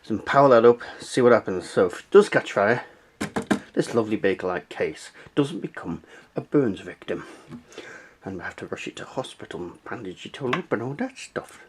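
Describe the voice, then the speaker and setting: Through noisy amateur camera audio, a video host with a lowish, animated voice at normal speed mutters a jokey, casual play-by-play while demonstrating something hands-on in his vlog.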